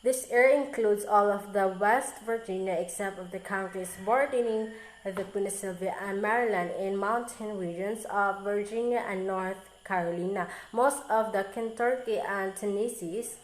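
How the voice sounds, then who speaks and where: A woman student reading a recorded class presentation aloud, careful and halting, often restarting on difficult words. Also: mid-range voice, echoey room, poor audio.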